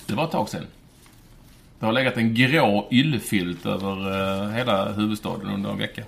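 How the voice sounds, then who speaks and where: Playful low-voiced male podcast host. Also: gravelly, fairly bright tone. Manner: playful, mock-grand phrasing. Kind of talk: casual podcast chat. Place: home in Stockholm.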